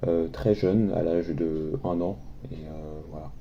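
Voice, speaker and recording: A man's voice: rumbling low, steady tone, a little slow, lo-fi sound, slight background noise. A nineteen-year-old man from France answering interview questions hesitantly and shyly, with many fillers. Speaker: guest, YouTuber.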